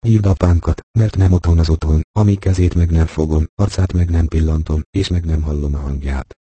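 An impulsive soldier home from war, fervent and loud in his pleading, as a man reads him in an audiobook. The voice is very deep, dark and husky, recorded dry and close. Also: fairly even intonation, dry recording. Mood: eager, pleading. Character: impulsive returning soldier, adult man, emotional. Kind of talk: audiobook reading.

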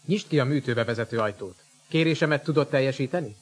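A man playing a resolute young man in a radio play, his husky voice calm and even. He gives instructions steadily. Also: mid-range voice, natural voice.

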